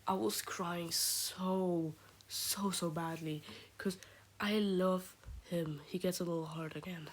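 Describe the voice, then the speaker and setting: A woman who is sick and keeps her voice quiet, rambling and gushing about favorite characters in a casual vlog, often dropping into a half-whisper. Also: on the low side, steady tone, takes it slowly. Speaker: vlogger. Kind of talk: casual fandom chat.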